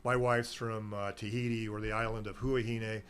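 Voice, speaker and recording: A middle-aged man who sells herbal nutrition products chats as a guest on a local radio show, rambling, meandering and laughing easily. His voice sits on the low side with a flat delivery at a moderate pace, and the tone is clear, resonant and a bit bright.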